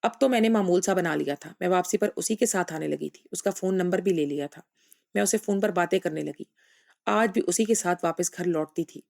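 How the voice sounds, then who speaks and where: A woman reading a first-person story aloud in an even, measured storytelling manner. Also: fairly low pitch, creaky.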